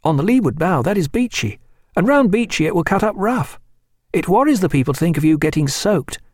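A man voicing an eager, deferential young naval officer, brisk and polite. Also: high voice, sing-song, darkish tone, no room sound, studio quality, pitched above the performer's own voice.

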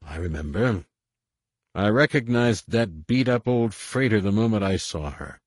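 A man's voice: on the low side, expressive, a little slow, no echo, clean studio sound, voice pushed up. A man voicing a formal, pompous male general who blusters under pressure. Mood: stiff.

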